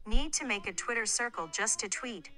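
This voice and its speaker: A female-sounding synthetic text-to-speech robot voice from a phone, reading short posts aloud in an even, machine-like way. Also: fairly high pitch, normal speed, very noisy.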